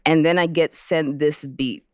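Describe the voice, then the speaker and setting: A woman recording artist from Botswana, telling in an interview, in a reflective and animated way, how she wrote a song. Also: low voice, a little slow, clean tone, no room sound, clean studio sound. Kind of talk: interview about making a song.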